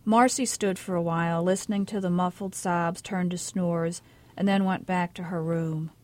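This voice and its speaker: A woman's voice: lowish voice, fairly even intonation, normal speed, a little mellow. Woman author reading her short fiction. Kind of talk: literary reading.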